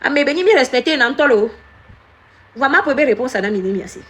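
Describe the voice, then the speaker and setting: A woman's voice: high voice, lively intonation, fairly quick. A woman giving casual live-stream commentary, slipping into Ewe and scolding viewers by name.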